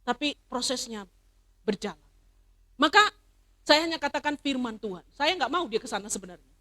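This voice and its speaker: A middle-aged woman pastor preaching a sermon, swinging from loud emphatic declarations to soft personal stories. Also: sits high, animated, fairly quick. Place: church service.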